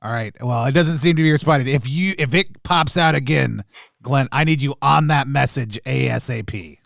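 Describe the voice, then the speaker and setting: A man's voice: mid-range voice, normal speed, creaky, a bit bright, no echo, studio quality. A man chatting casually as he improvises his part as a player in a tabletop role-playing game.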